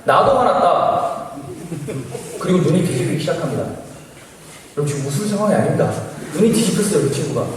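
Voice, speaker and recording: Animated young man telling a testimony in an echoing church. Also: a little high, rapid-fire, a crowd in the background. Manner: animated storytelling, acting out quoted speech. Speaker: apprentice missionary giving testimony. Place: large church sanctuary. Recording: echoey church hall from far off.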